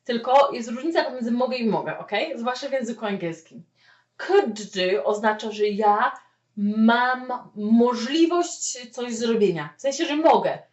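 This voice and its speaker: A woman teaching a spoken English lesson, explaining with lively "okay?" check-ins. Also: on the high side, measured pace. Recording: echoey room, mic at a distance, dull lo-fi sound.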